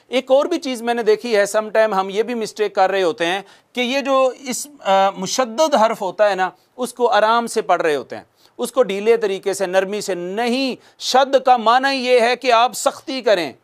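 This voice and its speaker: High-voiced man teaching recitation patiently. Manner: patient, repeats sounds slowly for students to copy; asks questions and answers them himself. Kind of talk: recitation lesson.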